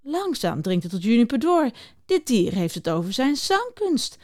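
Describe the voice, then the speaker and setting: A woman reading a children's book aloud in an expressive storytelling manner. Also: on the high side, moderate pace, no room sound, studio quality.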